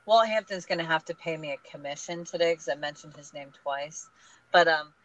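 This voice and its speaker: Upbeat woman guest handing out advice on a podcast, muffled low-fi audio. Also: a little fast. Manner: energetic, emphatic, advice-giving. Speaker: guest, small business group leader. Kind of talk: casual podcast interview. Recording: dull lo-fi audio.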